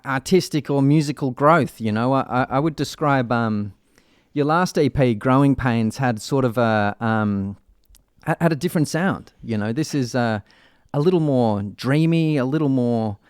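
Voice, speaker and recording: A man hosting a casual music interview, with halting, meandering phrasing and jokey, mock-grand wording. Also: medium pitch, clear, resonant tone, no room sound, studio quality. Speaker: radio show host.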